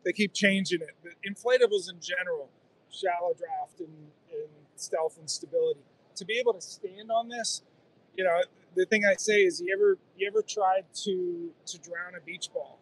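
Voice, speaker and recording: A man's voice: high voice, moderate pace, fairly bright tone, slight background noise. A man in his forties explaining kayak gear with enthusiasm, interviewed on a phone in a busy convention hall. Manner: enthusiastic, explanatory, gestures while talking. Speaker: guest kayak angler. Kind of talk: casual trade-show interview. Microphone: handheld phone held by interviewer.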